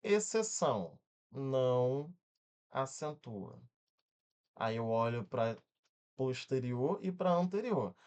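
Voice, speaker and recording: Lively Brazilian man teaching grammar. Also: medium pitch, clear, resonant tone. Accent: Brazilian Portuguese. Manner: energetic, checks in often with quick questions; spells words out syllable by syllable. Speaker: exam-prep grammar teacher. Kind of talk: online exam-prep lesson.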